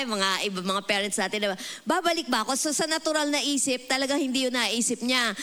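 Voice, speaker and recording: A woman pastor with a Filipino accent preaching a lively, humorous sermon. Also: on the high side. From Philippines. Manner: mixes Tagalog and English, lively and humorous.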